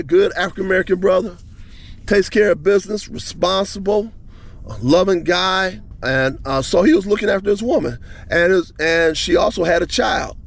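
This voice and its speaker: Male advice vlogger, casual monologue, gravelly voice, animated storytelling full of restarts. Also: high-pitched. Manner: animated retelling, many restarts, speeds up and slows down.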